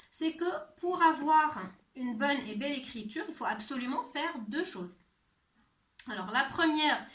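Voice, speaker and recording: A woman teacher giving a handwriting and sounds lesson to young children, speaking slowly and clearly. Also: high-pitched, fairly bright tone, reverberant. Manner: slow, clear teacher talk addressed to children. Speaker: primary school teacher.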